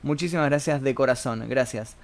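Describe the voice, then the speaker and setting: A man's voice: mid-range voice, a little fast. A man with a Buenos Aires Argentine accent, hosting a casual live stream and joking as he reads out viewers' messages. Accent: Buenos Aires Argentine Spanish. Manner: joking, slangy, reads chat messages aloud. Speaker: streamer reading viewer stories.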